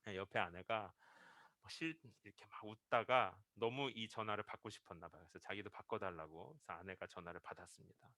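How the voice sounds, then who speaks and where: A man's voice: lowish voice, brisk, sharp tone, no room sound. A male pastor preaching a Sunday sermon, telling a story and acting out the quoted lines as he builds to emphatic peaks.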